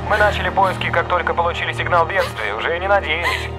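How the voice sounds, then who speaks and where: An actor playing a calm male rescue pilot, speaking in clipped radio procedure and heard over a radio in a dubbed video game. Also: high-pitched, quick pace, music in the background. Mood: steady.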